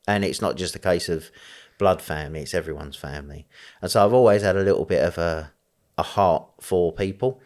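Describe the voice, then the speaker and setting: A man with a strong East London accent talks as an interview guest, his voice sitting very low. He rambles, fills pauses with ums and you-knows, and laughs easily as he goes. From East End of London, England. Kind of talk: conversational interview.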